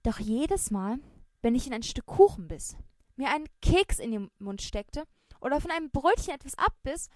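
A woman reading a first-person story aloud with expressive, lively storytelling. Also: a little high, no room sound, studio quality. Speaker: narrator.

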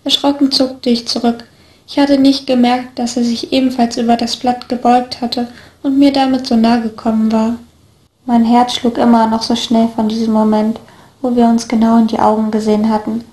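A woman narrating a first-person story in a steady, even reading voice. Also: on the high side. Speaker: audiobook reader. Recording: echoey room.

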